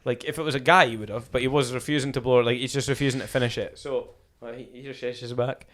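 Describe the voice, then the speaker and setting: A man co-hosting a casual podcast, telling stories in a fast, animated way with plenty of swearing and slang. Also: medium pitch. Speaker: podcast co-host. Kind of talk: casual chat.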